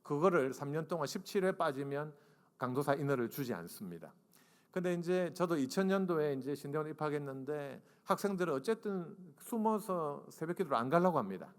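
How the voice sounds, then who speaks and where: A man in his forties preaches in a church hall with a long reverb. He tells stories with a lively, wide-ranging pitch. He acts out dialogue and asks the congregation to raise their hands. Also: brisk. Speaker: guest preacher and seminary professor. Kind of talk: humorous storytelling sermon. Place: church sanctuary.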